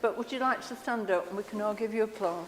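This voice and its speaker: A woman's voice: medium pitch, fast talker, over a noisy crowd. A woman council leader speaking playfully and mocking herself. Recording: far off in echoey chamber, noisy.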